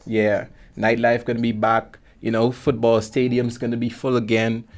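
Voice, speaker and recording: In a relaxed podcast conversation full of informal slang, a Guyanese host interviews his guest. His voice is medium in pitch and monotone, moving at a moderate pace.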